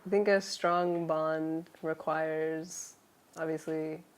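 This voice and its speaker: A Finnish-born woman in her twenties tells her love story in a casual interview, laughing often and restarting sentences. Her voice is deep, steady, and slow, with slight background noise.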